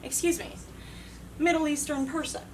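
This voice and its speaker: A young woman doing a stand-up comedy monologue, profane and sarcastic, with an animated delivery. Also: high-pitched, moderate pace. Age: young adult. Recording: distant mic with loud room noise.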